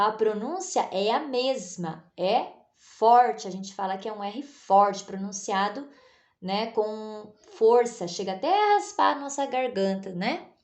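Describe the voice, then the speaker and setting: A woman teaching children spelling, patient and drawing words out slowly to stress each sound. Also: mid-range voice. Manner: slow, patient, stretches words out for emphasis. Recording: echoey room.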